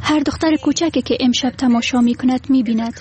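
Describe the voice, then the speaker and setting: A woman giving an earnest, even voice-over translation of a speech. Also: high voice.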